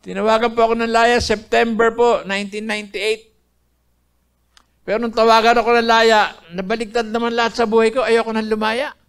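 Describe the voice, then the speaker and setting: Older man, earnest testimony speaker; raised pitch, rough gravelly edge. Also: flat delivery, a little fast, a bit bright. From Philippines. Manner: earnest storytelling, addressing listeners as brethren. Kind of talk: personal faith testimony.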